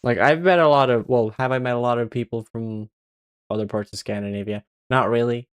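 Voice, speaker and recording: A young man streams a game and chats to his viewers in a loose, joking way, cursing freely and chuckling at his own lines. His voice sits at an ordinary middle pitch. The sound is close and dry, with no room echo. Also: fairly even intonation, fairly quick, clear, resonant tone. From Sweden. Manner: swears a lot and laughs at his own jokes. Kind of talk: casual gaming stream chat.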